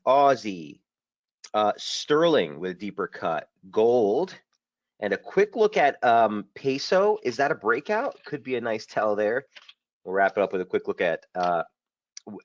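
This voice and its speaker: A male market strategist hosts a live market analysis webinar, walking through charts in brisk, casual trader talk packed with fillers. His lowish voice is a touch hoarse since he's slightly under the weather, and the stream audio is dull and dry with no echo.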